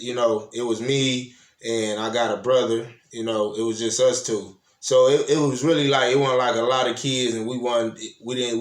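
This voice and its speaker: A man from Toledo, Ohio, hosts his own show and tells stories from his life in a rambling, relaxed way. His voice sits at an ordinary middle pitch for a man. The recording sounds roomy, with the voice echoing off the walls. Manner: rambling and laid-back, often adds "you know what I'm saying". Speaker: host. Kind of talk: casual personal storytelling. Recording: roomy echo.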